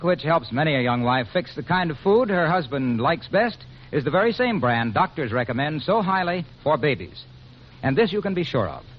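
A man reading a brisk, upbeat radio commercial as the announcer of an old broadcast disc recording. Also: a little hiss or hum. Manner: brisk, upbeat sales pitch. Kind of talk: 1940s radio commercial read. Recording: dull lo-fi old radio transcription.

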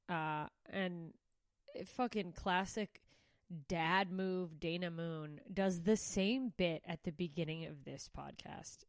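A woman's voice: on the low side, dry recording, clean studio sound. A woman hosting a comedy podcast, talking in a crude, profane, teasing way. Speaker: podcast host. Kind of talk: casual comedy podcast chat.

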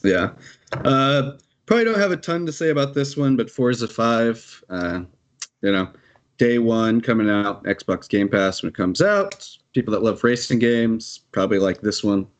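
A man's voice: medium pitch, animated, normal speed. A man casually chatting about video games on a podcast, rambling and laughing often, with casual swearing.

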